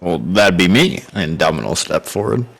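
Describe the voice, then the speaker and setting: A man's voice: sits low, lively intonation, normal speed, creaky, fairly bright tone, soft background music. A man chatting casually as a player in a tabletop role-playing game.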